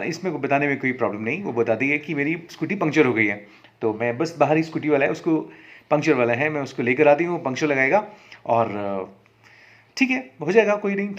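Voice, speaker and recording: A man telling a story in a casual, conversational way as a show host, often correcting himself mid-sentence. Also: mid-range voice. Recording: slightly dull lo-fi recording.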